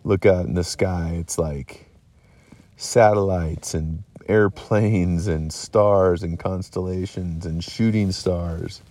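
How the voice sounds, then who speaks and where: A man's voice: sits low, takes it slowly. A tired man talking casually on a hunting vlog at his mountain camp at night, with many ums and yawns. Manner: relaxed, rambling, many ums and restarts. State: tired, yawning. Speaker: hunter vlogger.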